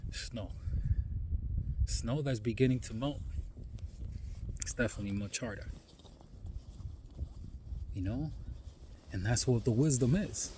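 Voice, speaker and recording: On a snowy forest trail, a man vlogs into a handheld phone, cold and tired from his hike, his mid-range voice set against slight background noise. He muses calmly in reflective outdoor talk, often dropping "you know" asides.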